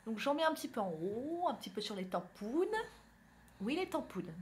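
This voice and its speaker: Young woman, from northern France, chatty and self-mocking, casual makeup tutorial, fairly high voice. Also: sing-song, moderate pace, a little mellow, slight background noise. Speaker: beauty vlogger. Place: indoors at home, by a window.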